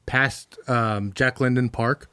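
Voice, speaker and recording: A man's voice: medium pitch, steady tone, takes it slowly, pushed and bright, clear, resonant tone. A man co-hosting a podcast, chatting casually and telling stories with a straight face. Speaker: podcast host. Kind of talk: casual chat.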